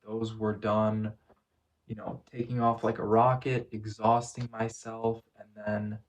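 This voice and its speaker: A man talking casually in a first-person vlog recap, phrasing things in a measured, deliberate way with pauses. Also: on the low side, rough recording. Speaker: vlogger.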